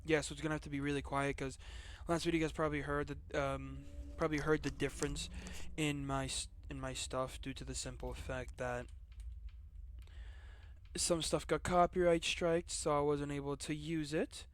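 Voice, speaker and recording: Young man, casual gameplay commentary, rambling, stumbles over words, slightly high voice. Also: level tone, normal speed, clear, resonant tone. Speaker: gamer.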